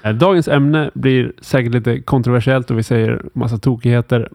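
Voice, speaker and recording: A man hosts a laid-back podcast chat, his voice gravelly with a crackle of fry at the ends of phrases. He talks in an easygoing way, pausing on fillers as he thinks. The recording is close and dry, with no room sound. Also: mid-range voice, dry recording. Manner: relaxed, thinks aloud with frequent fillers. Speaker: podcast host. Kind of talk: casual podcast chat about tabletop roleplaying.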